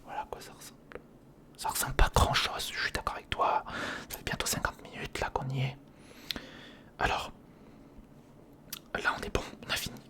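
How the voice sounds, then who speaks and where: Pushed and bright, the delivery runs a little fast and pauses often. An ASMR host whispers breathily near the mic, reasoning aloud to the listener through a stepwise build, recorded on a close recorder or studio condenser microphone.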